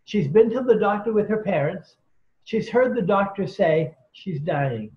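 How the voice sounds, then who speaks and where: A man with a high-pitched, animated but unhurried voice tells stories as a guest in an interview. Earnest and emphatic, he quotes others and acts out the people he describes. The sound is roomy, dull and lo-fi.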